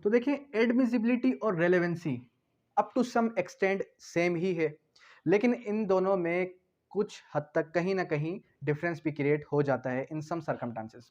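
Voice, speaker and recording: In a noticeably high, darkish voice and at a slightly slow pace, a Pakistani-accented law teacher gives an explanatory lecture mixing Hindi-Urdu with English legal terms. He goes step by step, repeating terms and answering his own questions, in a somewhat dull, lo-fi recording.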